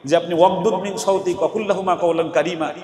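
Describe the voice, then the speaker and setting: A man's voice: sits high, fairly even intonation, quick pace. Man preaching in an echoey hall. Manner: calls on the crowd to answer, varies from soft to loud. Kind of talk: sermon at a religious gathering.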